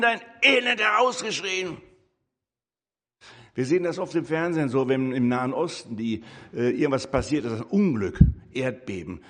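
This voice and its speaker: A man's voice: a little high, slightly rough. An older man giving a conversational sermon as a lay preacher, breaking into rising, emphatic bursts. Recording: echoey hall.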